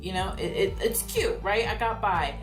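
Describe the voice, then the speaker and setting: A woman's voice: mid-range voice, normal speed. A young woman vlogger talking through a makeup tutorial and palette review, explaining each step in a chatty way. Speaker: beauty vlogger. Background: soft background music.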